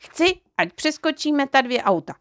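An eager, boastful little dwarf boy from a storybook, read out by a woman, lifted a little higher than a plain reading voice. He rattles off his explanations in quick, excited bursts. The recording is dry and close. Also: no echo.

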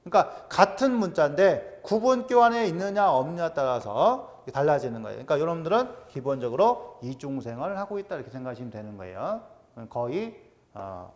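High lively guy lecturing, keeps asking quiz questions, middle-aged. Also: normal speed. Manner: animated, drills terms with "자" and quiz-style questions. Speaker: exam prep lecturer. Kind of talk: classroom lecture.

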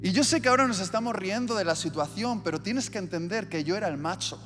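Preacher in a reverberant hall. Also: male voice, high voice, expressive, fast talker. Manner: vivid storytelling with acted-out scenes. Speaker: pastor. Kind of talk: sermon. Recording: long hall reverb with soft music.

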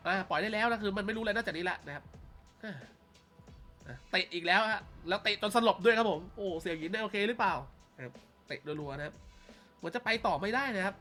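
Chatty male game streamer from Thailand, high and bright, casual commentary with lots of polite filler. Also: fast talker, faint music behind. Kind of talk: casual gameplay commentary and story reading.

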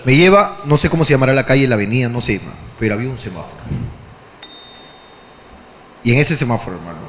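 A man with a Peruvian accent, hosting a comedy podcast, telling a crude story in an animated way, dropping tag questions all the time. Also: mid-range voice, fast, long reverb tail, a little hiss or hum. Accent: Peruvian Spanish.

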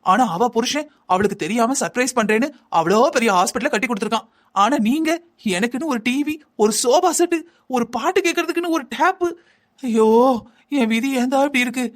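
An envious young wife in a cartoon drama, as a man puts her on, nagging and whining without a pause. The voice sits high and the words tumble out fast. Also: lively intonation. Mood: lamenting. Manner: nagging, whining, quick and insistent. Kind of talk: Tamil cartoon voice acting.

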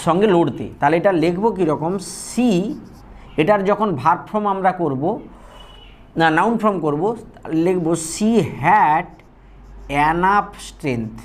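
A high-pitched man with a Bengali accent walks students through grammar exercises. He reads each example sentence slowly and deliberately, then explains the rule step by step. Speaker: English grammar teacher.

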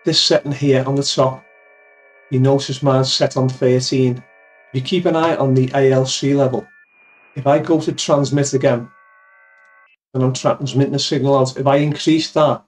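A middle-aged amateur radio video maker runs through an informal tech tutorial, demonstrating software one step at a time and speaking plainly to "guys." His darkish voice sits at medium pitch with little variation and a moderate pace, captured close on a pop-filtered boom-arm mic in his small, untidy home office.

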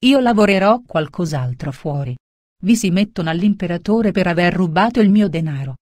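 A woman voicing a proud, quick-tempered male merchant in a storybook tale, accusing at first and humbled later. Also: lowish voice, expressive, darkish tone, no echo, studio quality. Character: proud angry male merchant who loses his coins.

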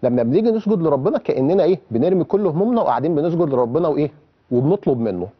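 Fast-talking Egyptian man teaching kids. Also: on the high side, animated, husky, dull audio. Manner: questioning, coaxing the children. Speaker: religious teacher for children. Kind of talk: teaching children how to pray.

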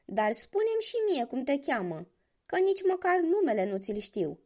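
A woman voicing a big, foolish, ugly horned male devil in a spoken fairy tale, loud, greedy and boastful. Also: sits high, big pitch swings.

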